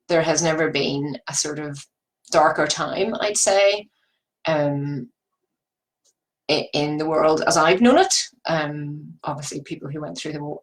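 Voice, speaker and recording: A woman's voice: low voice, rough recording. A woman with a Northern Irish accent giving informal business advice in an earnest, encouraging, rambling way, repeating phrases for emphasis. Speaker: business coach. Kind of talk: informal advice monologue to online viewers.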